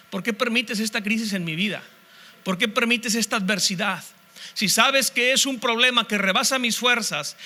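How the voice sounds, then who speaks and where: A man's voice: very high-pitched, sharp tone. A man preaching a sermon as pastor, passionately posing one rhetorical question after another.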